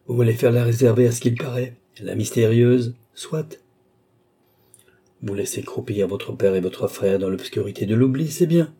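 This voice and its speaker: A man voicing a brusque, impatient old baron who scolds his daughter with sharp, insistent lines. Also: mid-range voice, normal speed, breathy edge. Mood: scolding, impatient.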